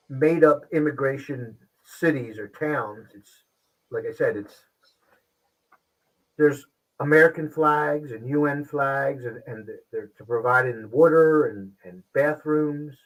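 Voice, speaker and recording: A man hosting a casual livestream show, talking with frequent pauses and restarts. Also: mid-range voice, a bit bright, rough recording. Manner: halting, pauses and restarts often. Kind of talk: casual live-stream talk.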